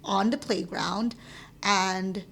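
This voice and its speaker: A woman in her forties from the Philippines, a podcast guest talking casually, halting with many restarts and frequent laughs. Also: mid-range voice, fairly even intonation, gravelly, a bit bright, breathy edge. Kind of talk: casual interview chat.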